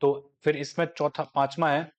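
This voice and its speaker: A man giving a math lecture, explaining step by step and slowing down to dictate definitions. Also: fairly high pitch, level tone, dull audio. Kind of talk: classroom lecture.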